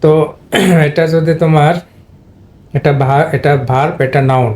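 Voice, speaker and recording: Flat-voiced man teaching English pronunciation. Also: fairly high pitch, unhurried. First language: Bengali. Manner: explains step by step, addresses viewers directly; clears his throat now and then. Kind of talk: spoken pronunciation lesson.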